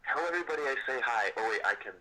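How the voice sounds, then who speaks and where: A man's voice: medium pitch, animated, rapid-fire, bright, forceful tone, low-quality recording. A man talking over a phone on speakerphone, a friend calling in with laid-back, dry joking. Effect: heard over a phone on speakerphone. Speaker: friend calling in to a live stream. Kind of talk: casual phone chat.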